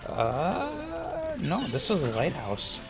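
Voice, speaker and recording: A man hosting a let's play with casual game commentary, dry and laconic with deadpan quips. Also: sits high, takes it slowly, creaky. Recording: game music playing behind.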